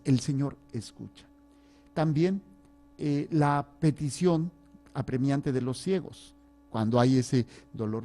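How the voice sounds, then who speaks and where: Mellow-voiced priest teaching scripture. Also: male voice, medium pitch. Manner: conversational, reads scripture aloud, fillers and jokes with listeners. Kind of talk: Bible study teaching.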